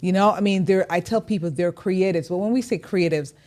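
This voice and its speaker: A woman's voice: fairly low pitch, darkish tone. A woman co-hosting an interview, chatty and affirming, asking the guest questions. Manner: affirming, chatty, quick to laugh. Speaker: podcast co-host. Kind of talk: casual interview chat.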